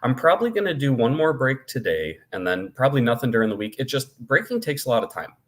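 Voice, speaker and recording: A man who is a guest on a podcast, talking easily from his dining room with many small pauses. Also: mid-range voice, sing-song, fairly bright tone. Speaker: podcast guest, card breaker. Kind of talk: casual chat.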